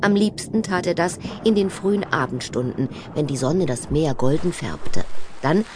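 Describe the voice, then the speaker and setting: Lively German woman reading a children's story. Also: low voice, normal speed, noisy background. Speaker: audiobook narrator. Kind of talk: children's audiobook narration.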